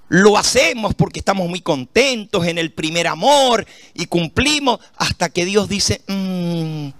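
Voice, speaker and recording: A man's voice: fairly high pitch, no echo. A middle-aged man preaching a sermon, asking the congregation questions and telling stories about his own life. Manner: animated, storytelling with rhetorical questions to the congregation. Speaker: pastor.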